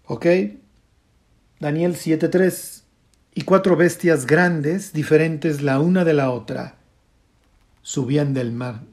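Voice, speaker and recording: Male Bible teacher, raised pitch, warm mellow tone, explains scripture in a conversational way with frequent check-ins. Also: steady tone, slow, pauses often. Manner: keeps checking in with a questioning "ok?"; explains scripture, then comments on it pointedly.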